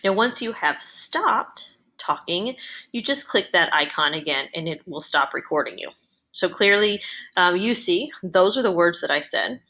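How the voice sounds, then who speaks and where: Female educator, slightly low voice, talking through a screen demonstration. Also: animated, a little slow, pushed and bright. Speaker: educator giving a software tutorial. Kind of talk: explanatory screencast narration.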